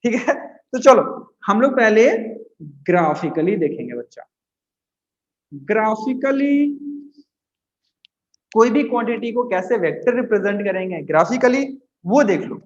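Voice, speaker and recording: Male physics teacher, coaxing, slow repeated key terms, roomy echo, dull lo-fi sound. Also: high-pitched, animated. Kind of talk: classroom lecture to students. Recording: echoey room, dull lo-fi sound.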